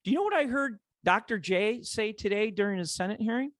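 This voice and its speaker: A man with a Chicago accent hosting a podcast, talking in an animated, opinionated way as he rants about markets. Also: sits high, a little fast, no echo, clean studio sound. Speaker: podcast host. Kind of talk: casual podcast discussion.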